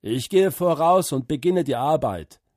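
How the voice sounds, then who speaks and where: A man voicing a loving husky farmer father. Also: fairly high pitch, expressive, measured pace, darkish tone, no room sound, clean studio sound, pitched above the performer's own voice. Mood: warm.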